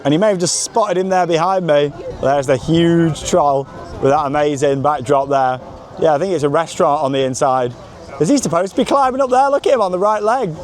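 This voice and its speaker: A theme park vlogger and host walks around outdoors at the park, narrating casually to the camera. His voice is a little high and fairly quick, and his commentary is chatty, enthusiastic, and rambling.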